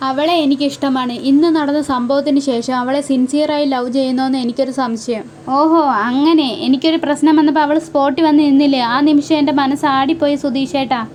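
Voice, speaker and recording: Sincere young guy in love, put on by a woman, high voice. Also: fairly even intonation, fairly quick, darkish tone, slight background noise, close to an everyday voice. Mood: earnest. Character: young man earnestly in love.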